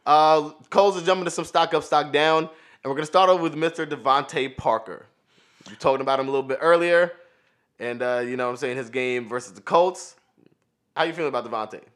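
A man hosting a casual fantasy football show, relaxed, moving the talk from player to player. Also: on the high side, fairly quick. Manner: relaxed, steers the segments. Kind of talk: casual sports chat.

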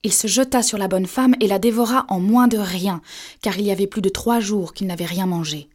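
A woman reading a classic fairy tale aloud in a measured, expressive way. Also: medium pitch. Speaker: storyteller.

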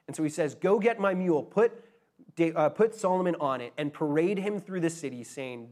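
A man's voice: on the high side, a little mellow. A man preaching a sermon, explaining scripture with frequent restarts and self-corrections.

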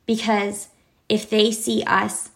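A woman's voice: medium pitch, level tone, slow pace, vocal fry. A woman in her thirties speaks in a casual personal vlog, open and reflective. She talks as a mother, thinking aloud with small fillers and restarts. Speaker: mother and vlogger.

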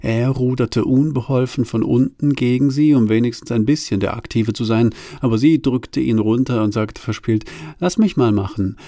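A man's voice: medium pitch, steady tone, moderate pace, hardly any pauses, dark tone, no echo, clean studio sound. A man reading a novel chapter aloud in a plain, wry delivery. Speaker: narrator. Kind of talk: literary reading.

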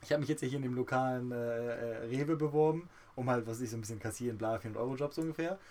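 A man co-hosting a podcast in casual banter, rambling and joking as he talks. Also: very fast. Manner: rambling, joking, lively swings in pitch. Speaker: podcast co-host.

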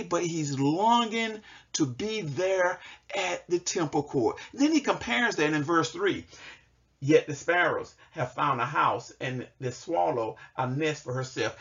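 A man teaching a Sunday School lesson, reading scripture slowly and explaining it verse by verse with frequent restarts. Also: fairly high pitch, fairly bright tone, highs cut off.

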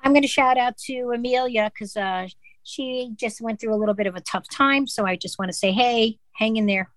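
A woman's voice: a little high, fairly quick, fairly bright tone, no echo. A woman co-hosting a podcast, chatting casually and backing others up with short agreeing replies. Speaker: podcast co-host. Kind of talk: casual chat.

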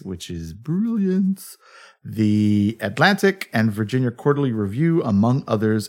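A man hosting a podcast from an office, chatting playfully with lots of laughs and restarts, then reading a guest's bio. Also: mid-range voice. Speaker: podcast host. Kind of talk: casual chat and reading a bio. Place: office in a house.

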